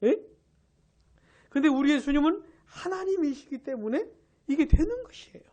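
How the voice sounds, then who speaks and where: A woman pastor preaching a New Year's Eve sermon. She tells the story with animation, asks the congregation questions and answers them, and drops to a hush for emphasis. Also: high-pitched, lively intonation, moderate pace, muffled recording. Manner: drops to a hush for emphasis, then rises again.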